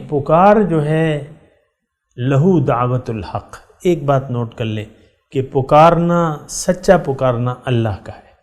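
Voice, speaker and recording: A middle-aged man teaching a Quran lesson in the manner of a sermon. His voice sits at an ordinary middle pitch. He talks directly to his listeners, repeats key words for emphasis, and slows down to recite verses. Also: darkish tone.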